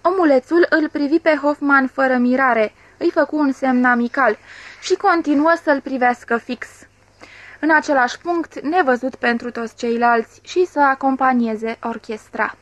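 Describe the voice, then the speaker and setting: A woman narrating a literary audiobook in a measured, even way, recorded close on the mic. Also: sits high, no echo, lo-fi sound. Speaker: audiobook reader.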